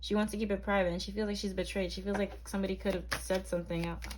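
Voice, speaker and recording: A woman's voice: mid-range voice, level tone, rapid-fire, noisy background. A young woman from Barbados, reading tarot cards to camera in a chatty, hesitant way full of ums and likes. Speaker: tarot reader.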